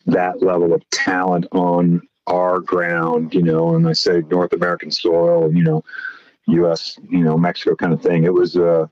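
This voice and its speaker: Deep-voiced man telling rambling stories. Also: darkish tone, dry recording. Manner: rambling, many fillers like "you know" and "right?". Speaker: podcast guest. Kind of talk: casual conversational storytelling. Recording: slightly dull lo-fi audio.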